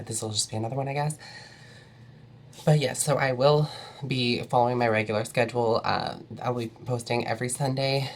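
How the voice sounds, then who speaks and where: A woman's voice: extremely low pitch, a little hiss or hum. A young woman vlogger talking casually through a makeup tutorial, sounding a little nasal from a cold, chatty with lots of fillers and self-corrections. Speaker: beauty vlogger.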